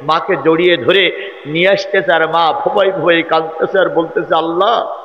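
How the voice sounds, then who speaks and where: Fiery chanting preacher. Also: male voice, on the high side, fairly even intonation, moderate pace, in a large hall, highs cut off. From Bangladesh. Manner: fiery, chanting, builds to shouts, calls on the crowd to respond. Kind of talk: sermon at a religious gathering.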